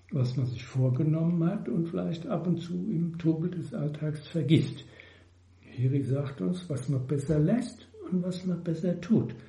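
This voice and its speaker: A man giving a measured, explanatory Buddhist dharma talk. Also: on the high side, vocal fry, mellow, roomy sound. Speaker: Buddhist teacher.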